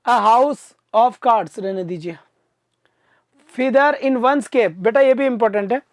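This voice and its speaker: A man teaching an exam-prep vocabulary class live online, coaxing his students to answer quickly and replying to their comments. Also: very high-pitched, dry recording, studio quality. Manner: reads out viewer comments and answers them.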